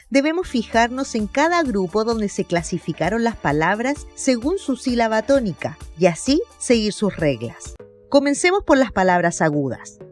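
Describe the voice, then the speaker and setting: A woman narrates a scripted lesson in a clear, deliberate teaching voice. Her pitch moves a lot, keeping the explanation lively. Soft music plays faintly behind the voice-over.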